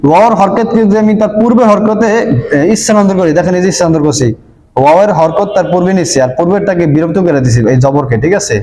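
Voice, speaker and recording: A man with a high voice teaches a grammar lesson, walking through each rule step by step. He often checks whether his listeners follow and stretches example words out slowly. The recording has the roomy sound of an echoey space. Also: mellow.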